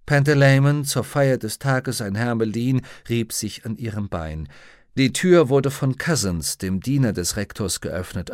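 A man reading a novel aloud as an audiobook narrator, calm and even. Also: on the low side, dry recording, clean studio sound. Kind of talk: scripted narration.

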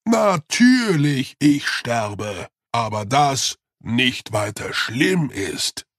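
A man voicing a slow, gentle male yeti who speaks with odd word order. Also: medium pitch, big pitch swings, no echo, studio quality, heavily acted. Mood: ponderous.

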